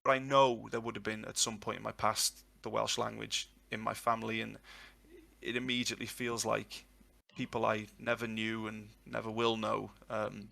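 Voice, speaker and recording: A Welsh tutor in his thirties appears as a guest on a live voice-chat Q&A, answering questions in a long-winded, reflective way. His lowish voice is flat, creaky, pushed, and bright, at a normal speed.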